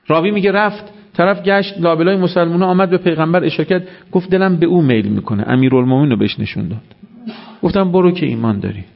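A man giving a religious sermon, telling stories and acting out the dialogue in lively voices. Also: on the high side, creaky, lo-fi sound. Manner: animated storytelling, acting out dialogue. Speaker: preacher.

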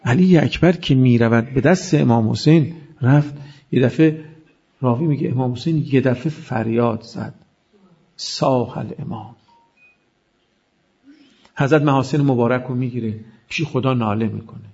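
A man preaching an impassioned mourning sermon, his voice swinging between loud cries and hushed lines. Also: medium pitch, pauses often. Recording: dull lo-fi recording.

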